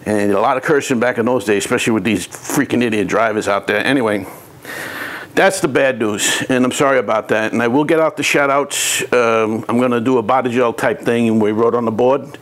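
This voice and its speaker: A man's voice: medium pitch, fairly even intonation, a little fast. A man from New City, venting in a rambling, frustrated vlog about his hobby, with many restarts. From New York City. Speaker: RC hobby vlogger. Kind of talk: ranting vlog to camera.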